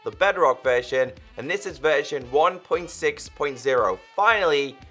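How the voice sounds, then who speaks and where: Husky-voiced energetic gaming YouTuber man. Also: a little high, faint music behind. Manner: upbeat, quick, chatty. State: losing his voice, husky. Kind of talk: energetic game update walkthrough.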